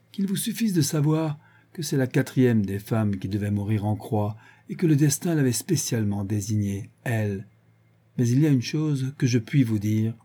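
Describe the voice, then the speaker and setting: A man's voice: mid-range voice, husky. A man voicing a brutal, drunken, grandiose male villain who rants and hurls insults, in an audiobook reading. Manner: ranting, exalted, shouting insults.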